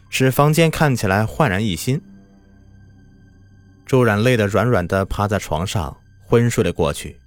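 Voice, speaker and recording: A man narrates a scripted horror story with mounting drama. His lowish voice rises and falls widely. Faint music plays under the telling. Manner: dramatic, rising tension.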